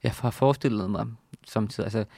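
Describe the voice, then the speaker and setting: A man hosting an interview in a hesitant, reflective way, often pausing to search for words. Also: lowish voice, creaky, dark tone, no echo, clean studio sound. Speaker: podcast host and author.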